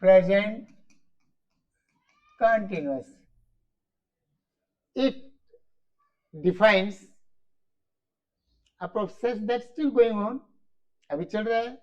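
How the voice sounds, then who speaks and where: A man teaching grammar in a Hindi-mix, explaining slowly and repetitively, asking and answering his own questions. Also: sits high. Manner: mixes Hindi and English. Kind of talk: classroom-style grammar lesson. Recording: dull lo-fi recording.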